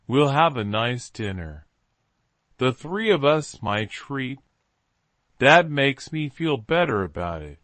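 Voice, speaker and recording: A man's voice: medium pitch, big pitch swings, slow, fairly bright tone, no room sound. A man voicing a thoughtful, self-assured detective in story dialogue, in a reflective fireside storytelling manner. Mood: pleased, embarrassed. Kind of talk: story dialogue read by narrator.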